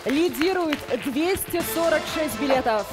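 A woman's voice: high voice, lively intonation, unhurried, over a noisy crowd. A young woman co-hosting a TV lottery draw, formally announcing numbers and results in a studio. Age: young adult. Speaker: lottery show co-host. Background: music.

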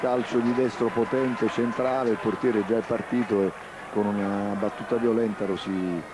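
A middle-aged man with a fairly low voice offers analytical football commentary. He explains things in a reflective, conversational way over clear outdoor stadium noise. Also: steady tone, normal speed.

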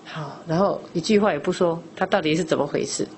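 Middle-aged woman lay teacher, slightly low voice, conversational Dharma lecture full of rhetorical questions; faint background noise. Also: fairly quick, darkish tone. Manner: explains by asking rhetorical questions and answering them; frequent discourse particles, conversational teaching.

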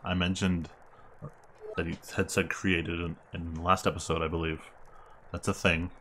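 A man giving casual, low-key commentary on a video game in an unhurried way. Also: flat delivery. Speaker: let's player. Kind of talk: casual game commentary, reading dialogue aloud. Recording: clear background noise.

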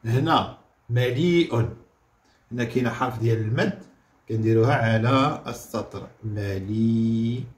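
Like a teacher at the board, a man with a Moroccan Arabic accent explains a grammar lesson, checking in with questions and slowly drawing out each word for dictation. His voice sits at an ordinary middle pitch, and the room carries a clear echo.

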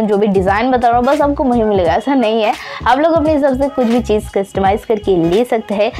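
A woman's voice: fairly high pitch, darkish tone. A young woman hosting a product review, narrating in a chatty way and calling her viewers friends.

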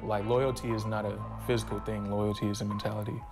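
A man's voice: lowish voice, level tone, fast talker, over music. A man talking bluntly in casual slang about a relationship test. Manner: blunt, laid-back slang. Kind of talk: casual chat.

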